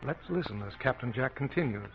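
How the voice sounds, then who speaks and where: A man narrating a scripted adventure in a measured, formal manner, at a mid pitch. He sounds like an old radio show, dull and lo-fi, with faint music underneath. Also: expressive. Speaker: announcer.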